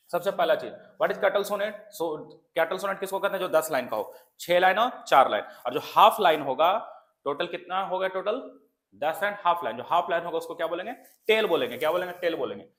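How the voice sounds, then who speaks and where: A man teaching an exam-prep literature lesson, repeating key points and often asking if it is clear. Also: high-pitched, expressive, a little fast, a bit bright. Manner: repetitive, checks understanding often. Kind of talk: classroom lecture.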